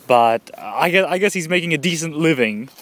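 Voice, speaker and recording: Lively, laughing man telling a story. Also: fairly high pitch, normal speed. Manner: rambling, laughs often. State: slightly out of breath. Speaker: vlogger. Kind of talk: casual storytelling. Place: outdoors, birds nearby.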